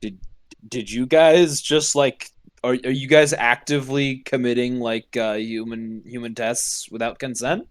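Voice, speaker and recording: Slow-talking man at a game table. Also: medium pitch, flat delivery. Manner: rambling, stops and restarts, jokey. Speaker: player. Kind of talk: casual tabletop game chat.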